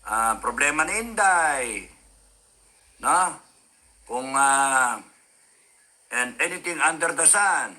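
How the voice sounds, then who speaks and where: Heated rambling man, very bright voice. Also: mid-range voice, lively intonation, takes it slowly, long pauses. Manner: heated, swearing, rambling with many fillers. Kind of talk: ranting monologue.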